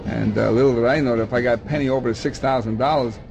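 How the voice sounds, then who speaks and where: Older man with a gravelly voice. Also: medium pitch, steady tone, rapid-fire, a little mellow. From Dominican Republic. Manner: rambling, repeats words and restarts often. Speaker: baseball scout. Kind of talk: oral history interview.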